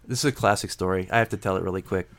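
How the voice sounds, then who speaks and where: A man's voice: low voice, steady tone, rapid-fire. A middle-aged man, a guest composer, chatting casually on a podcast and drifting into wry, rambling stories from his work. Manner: storytelling, digressive, wry.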